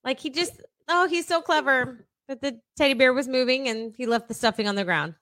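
High-ish woman cohost, giggly and swearing while she retells weird news, dry close sound. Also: fast talker, dry recording, rough recording. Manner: animated storyteller, laughs often and swears freely. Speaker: podcast co-host. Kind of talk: casual chat.

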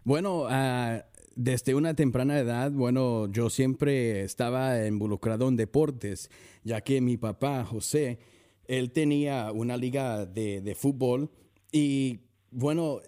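A young man from the San Francisco Bay Area, a guest chatting casually from home, relaxed and full of fillers and restarts. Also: mid-range voice, slow pace. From San Francisco Bay Area, USA. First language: Spanish. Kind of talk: casual interview chat.

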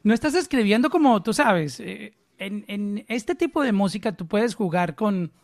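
A man's voice: sits high, expressive, normal speed, no room sound, studio quality. A man from Colombia with a Colombian accent, hosting a podcast interview in an enthusiastic, casual way with frequent small restarts. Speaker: podcast host.

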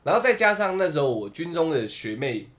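A young man with a Taiwanese Mandarin accent telling a story in casual chat. He talks in an animated way and swears casually. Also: a little high, fairly quick.

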